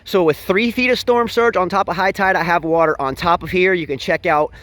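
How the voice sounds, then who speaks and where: High-voiced man giving a storm update. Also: brisk, a bit bright. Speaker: storm-tracking vlogger. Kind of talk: casual live weather update, explaining to viewers. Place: out and about on a coastal island, partly in a vehicle, then at his house.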